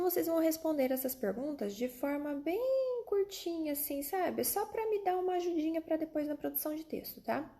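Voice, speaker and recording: Brazilian woman, primary teacher, mellow tone, crackly fry, talking directly to children, frequent little check-in tags. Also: high voice. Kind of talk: online Portuguese lesson for children, explaining and reading out instructions.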